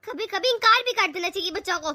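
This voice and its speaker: Stubborn old mother-in-law, scolding, nagging, high bright voice, dry sound. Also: animated, quick pace, no echo, heavily acted.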